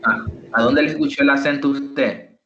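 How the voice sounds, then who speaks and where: A man's voice: medium pitch, steady tone, normal speed, fairly bright tone, highs cut off, faint music behind. A man tutoring English over an online call, explaining spelling rules patiently, step by step. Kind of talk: online teaching.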